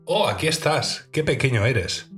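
A man voicing a puzzled shopkeeper in a children's story, calling out loudly. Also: mid-range voice, animated, a little slow, soft background music, voice pushed up. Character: gruff, puzzled male shopkeeper.

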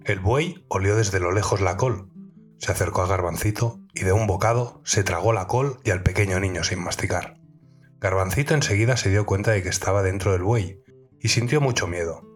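A man narrating a children's folk tale in a calm, clear storytelling manner. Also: sits low, normal speed, soft background music.

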